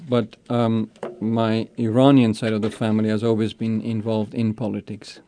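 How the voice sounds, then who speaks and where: An older man from Austria, a guest on a radio interview, answering in a thoughtful, measured way with frequent pauses. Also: on the low side, flat delivery, dark tone, slight background noise. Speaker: guest, college program director.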